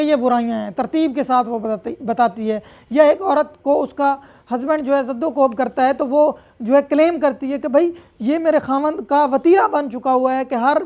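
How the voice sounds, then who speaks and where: High-pitched yet darkish in tone, this woman with a Pakistani accent lectures on law in an explanatory, didactic way. English terms are mixed in, and she often checks that her listeners are keeping up.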